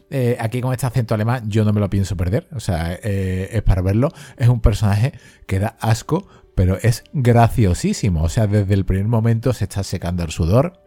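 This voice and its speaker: A man from Spain talks through a film in a loose, rambling way, stopping and restarting often. His voice sits low and sounds soft and mellow. The recording is dry and close, with no room sound. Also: no echo. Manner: rambling, many fillers and restarts. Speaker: podcast co-host. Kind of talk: casual film discussion.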